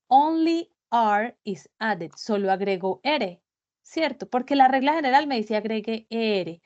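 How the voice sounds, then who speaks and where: A woman's voice: mid-range voice, darkish tone. A woman teaches English grammar in an online class. She explains each point patiently and in small steps, and keeps checking that the students understand. The audio is dull and lo-fi, typical of a web conference. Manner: patient, step-by-step explaining, often checking with "¿cierto?".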